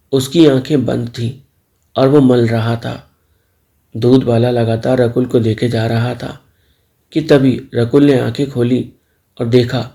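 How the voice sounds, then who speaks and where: A male storyteller reads a story aloud at an even, measured pace. His voice is gravelly with a lot of fry, and sits dark and mellow. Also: mid-range voice. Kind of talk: storybook narration.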